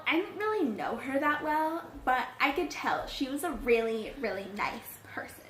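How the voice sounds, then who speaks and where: A woman's voice: high-pitched, fairly bright tone, a little hiss or hum. A woman playing a weepy cheer captain. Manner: melodramatic, sniffly, gushing. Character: weepy small-town girl cheer captain, self-important. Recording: echoey room.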